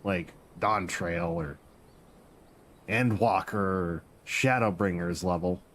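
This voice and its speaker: A man's voice: low-pitched, slow pace, fairly bright tone, a little hiss or hum. A man streaming a game, chatting casually and correcting himself as he rambles. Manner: rambling, self-deprecating, corrects himself mid-sentence.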